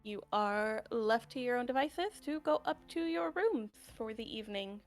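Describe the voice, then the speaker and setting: A woman's voice: on the high side, expressive, normal speed, soft background music. A woman running a tabletop game, narrating rules and chatting with players as game master.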